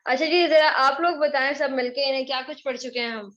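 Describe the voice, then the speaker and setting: A young woman teaching spoken English in a live online class. She teases and scolds her students briskly, slipping English phrases into her Hindi-Urdu speech. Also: high voice, a bit bright. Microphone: computer mic in a live online class. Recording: dull lo-fi online call audio.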